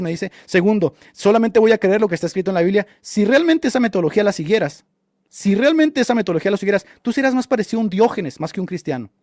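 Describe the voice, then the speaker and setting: Fast, high-voiced scornful male radio host. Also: a little mellow, no room sound, clean studio sound. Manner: mocking and scornful, insults opponents; argumentative, lecturing with rhetorical questions. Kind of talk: combative live commentary answering a chat.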